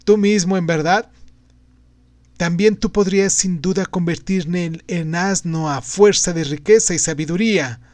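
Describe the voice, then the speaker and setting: A man's voice: high-pitched, measured pace, a little mellow, dry recording, pitched above the performer's own voice. A man reading aloud and voicing a grave, fervent male prophet-sage in a declamatory way. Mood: questioning. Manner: declamatory, exhorting. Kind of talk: audiobook reading.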